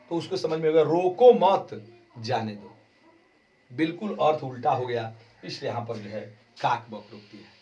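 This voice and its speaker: Male grammar teacher, slow and explanatory, drawing out key terms, recorded from a distant mic. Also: on the high side, darkish tone, highs cut off. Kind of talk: exam-prep grammar lesson.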